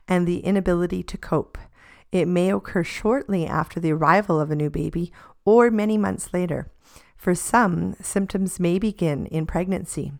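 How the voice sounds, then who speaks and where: A woman co-hosting a parenting podcast, reading out information in a measured way. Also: fairly low pitch, gravelly, darkish tone. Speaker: podcast co-host. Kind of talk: reading a sponsor ad and a definition.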